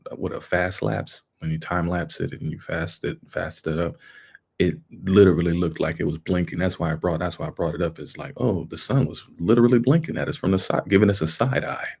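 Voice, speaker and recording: A very deep-voiced man delivers casual live commentary. His voice is gravelly and a little husky, and he leans emphatically on repeated phrases in colloquial speech. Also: darkish tone. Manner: emphatic, repetitive, colloquial with mild swearing. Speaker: livestream host commenting on a video.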